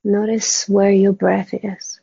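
A woman guiding a meditation in a soft, hushed, spa-like near-whisper, gently and with long pauses, her voice breathy and husky. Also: mid-range voice, level tone, no room sound. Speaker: meditation guide. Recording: dull, muffled, dry close recording.

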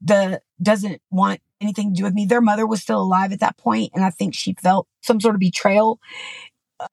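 A creaky, slightly mellow medium-pitched voice with a steady tone and moderate pace belongs to a middle-aged woman in Texas. As a podcast guest she tells a personal story candidly and ramblingly, often saying "you know" and restarting, in a dry close recording with no echo.

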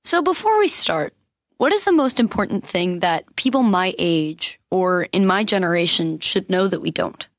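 Woman, podcast host, medium pitch, friendly intro and questions, dry close mic. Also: expressive, normal speed, dry recording. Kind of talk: podcast interview.

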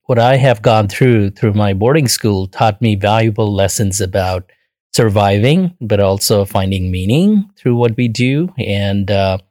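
Man from bangladesh, interview guest, lowish voice, lots of ums. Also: darkish tone, no echo, studio quality. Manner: measured, earnest, frequent fillers. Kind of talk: interview answers.

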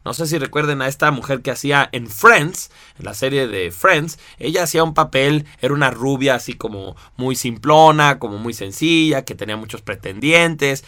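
Bright-voiced man explaining. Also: mid-range voice, moderate pace, hardly any pauses, no echo, studio quality. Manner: conversational, addresses listeners directly with examples. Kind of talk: explanatory talk to an audience.

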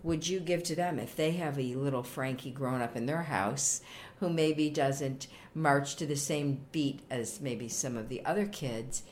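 Deep-voiced female host, supportive conversational style, light background hiss. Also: measured pace, hardly any pauses. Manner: warm, affirming, lots of backchannel. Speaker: podcast host. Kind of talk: casual interview talk.

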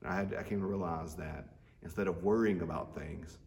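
A man's voice: low voice, steady tone, brisk, vocal fry, a little mellow. A pastor speaking earnestly and reflectively inside a church sanctuary, where his voice has a cathedral echo. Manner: earnest, reflective, with frequent restarts. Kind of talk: filmed devotional reflection. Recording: echoey sanctuary, mic far off.

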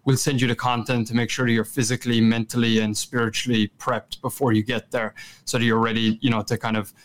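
A man with a west of Ireland Kerry accent, a chief marketing officer appearing as a podcast guest, answers interview questions informally and conversationally. His medium-pitched voice keeps a level tone and moves a little fast.

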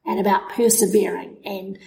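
A woman's voice: mid-range voice, fairly even intonation, normal speed, creaky, warm tone, slight background noise. A woman co-hosting a casual podcast chat, sounding tinny and hollow, like a tin can, through a laptop microphone. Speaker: podcast co-host. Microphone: laptop microphone, mouth close to it.

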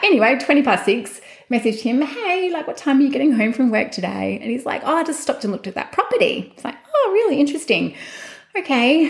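A woman casually telling a personal story, chatty and animated, acting out the dialogue she quotes. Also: fairly high pitch, gravelly.

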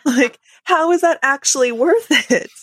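A woman's voice: sits high, unhurried, dry recording. A woman co-hosting a podcast in casual chat, wry and joking, piling up rhetorical questions.

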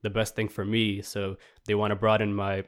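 Low-voiced young man musing aloud. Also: completely flat delivery, normal speed. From New York, USA. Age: 20s. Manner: rambling, reflective, frequent "like" fillers. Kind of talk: casual chat.

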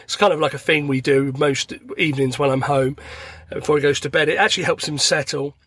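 A middle-aged man, croaky and tired from illness, rambling chattily as he hosts a podcast from his parked car. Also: fairly high pitch, steady tone, fast, fairly bright tone, no echo. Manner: rambling, chatty, acts out everyday dialogue. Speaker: podcast host. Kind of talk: casual solo podcast monologue. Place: parked car at a motorway services.

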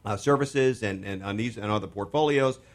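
A man's voice: lowish voice, normal speed. A man hosting a radio talk show on investing, explaining portfolio figures with many fillers and restarts.

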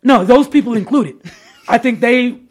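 A man co-hosting a casual sports podcast, emphatic and slangy, building up to loud points. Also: very high-pitched, moderate pace. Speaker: podcast co-host.

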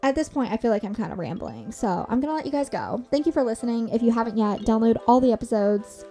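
A young woman in her twenties rambles through a casual solo podcast, filling her talk with "like" and easy asides. Her voice sits a little high but sounds mellow and soft-edged rather than bright, and she is talking from her bed at home. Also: animated, quick pace, soft background music. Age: 20s. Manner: rambling, chatty, says "like" a lot. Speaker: podcast host.

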